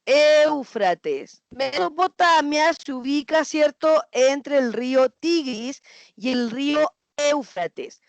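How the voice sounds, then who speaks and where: A woman's voice: high-pitched, animated, slow pace, creaky, no echo. A woman teaching a history class, asking questions, repeating students' answers and checking that they follow.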